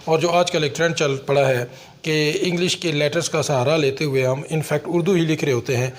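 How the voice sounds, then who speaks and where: A man giving an online language lesson, spelling words out slowly and repeating each one twice. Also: a little high, fairly even intonation. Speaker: teacher.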